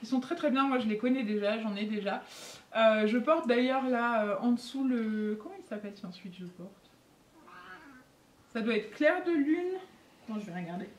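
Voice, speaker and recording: A woman chatting excitedly and giggling as she unboxes makeup for her beauty vlog. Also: a little high, normal speed. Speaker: beauty vlogger. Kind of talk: casual unboxing chat. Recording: echoey room, faint noise.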